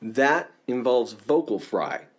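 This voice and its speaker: A man teaching a casual singing lesson, explaining in a relaxed way and often checking in with the viewer. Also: medium pitch, slow pace, raised voice.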